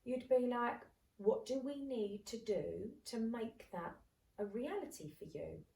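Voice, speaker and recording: Somewhat high and creaky, this woman's voice is a little slow and sits far from the mic in an echoey room. She's a podcast co-host in her thirties, animatedly acting out quoted speech during a casual conversation.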